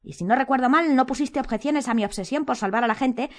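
A woman reading an audiobook, voicing an angry, impatient teenage boy wizard who shouts and snaps. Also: high-pitched, fast talker, voice pushed up, lightly acted. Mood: defiant. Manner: shouting, curt, insistent.

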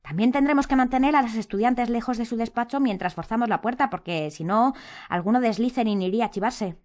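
A woman's voice: on the high side, fairly quick, darkish tone, voice pushed up, close to an everyday voice. A woman reading an audiobook, voicing an anxious, bossy clever teenage girl who pleads and plans urgently.

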